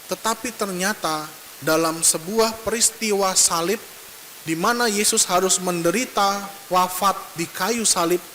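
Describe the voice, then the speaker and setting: A man's voice: high-pitched, a little slow, bright, forceful tone. A man giving a Sunday sermon as a priest, telling a story and acting out the father and child in it. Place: church. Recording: hissy reverberant church recording.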